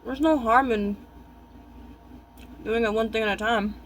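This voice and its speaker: A young man chatting casually while eating, talking with his mouth full in halting, musing short thoughts. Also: sits high, steady tone, fairly bright tone, a little hiss or hum.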